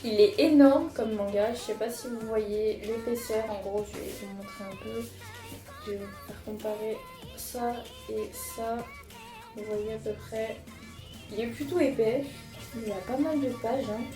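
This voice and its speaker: A young woman manga vlogger chats casually while showing off her manga purchases, hesitant and full of fillers and restarts. Her voice is a little high with fairly even intonation at a measured pace, in an echoey room with music behind.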